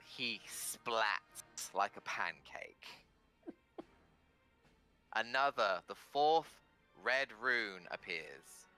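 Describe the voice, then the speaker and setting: A man working as game master, narrating a tabletop fantasy game with dramatic pauses. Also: medium pitch, pushed and bright.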